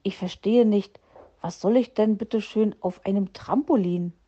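A woman voicing a grumpy, proud male fox gentleman in a storybook reading, grumbling and indignant. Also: medium pitch, unhurried, muffled recording, close to an everyday voice.

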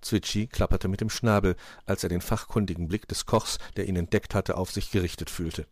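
A man narrating a children's fairy-tale audiobook in an expressive storytelling manner. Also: sits low, a little fast, dry recording, studio quality.

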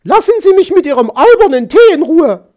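A man voicing a haughty, quarrelsome female magpie in an audiobook, shrill and snappish. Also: big pitch swings, slow pace, creaky, warm tone, full character voice. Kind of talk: audiobook character voice.

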